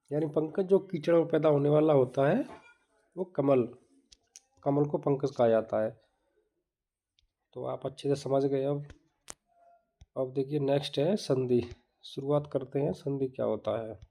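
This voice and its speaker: A man's voice: a little high, warm tone. A man teaching grammar in an exam-prep lesson, explaining step by step and repeating each term. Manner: explains step by step, repeating terms and asking the viewer to look.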